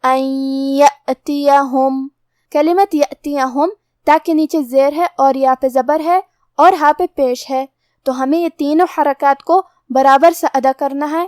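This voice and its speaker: A woman teaching Quran recitation, explaining pronunciation rules in a measured, methodical way. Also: sits high, fairly even intonation, darkish tone, no echo, studio quality. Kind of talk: step-by-step recitation lesson.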